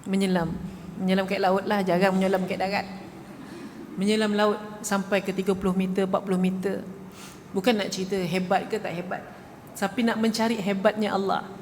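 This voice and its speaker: A woman religious teacher giving a religious talk to a women's congregation, lively and full of rhetorical questions to the audience. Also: mid-range voice, a little fast. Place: mosque hall. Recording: reverberant hall, faint hum.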